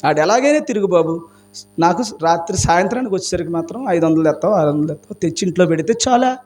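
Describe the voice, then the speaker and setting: A man's voice: high-pitched, animated, quick pace, darkish tone, slight background noise. A male pastor preaching a sermon with passion, asking his congregation question after question. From India. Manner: impassioned preaching with rhetorical questions.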